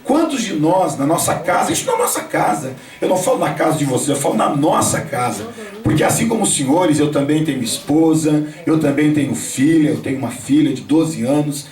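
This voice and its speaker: Pastor preaching at a family worship, high voice, echoey room, sounds far from the mic. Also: male voice, animated, a little fast, darkish tone. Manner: storytelling, addresses listeners directly. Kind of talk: home worship sermon. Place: home, gathering of family and church members.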